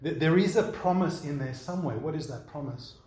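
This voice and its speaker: This pastor talks a little fast in a slightly high, darkish voice as he preaches and responds to questions from the congregation. His style is conversational, punctuated by frequent "all right?" check-ins, and the room gives off an echo.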